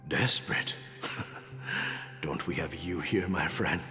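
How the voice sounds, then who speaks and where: An actor voicing a calm, wistful old man in a game, speaking in an unhurried way. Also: low-pitched, full character voice. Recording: game audio with reverb and music.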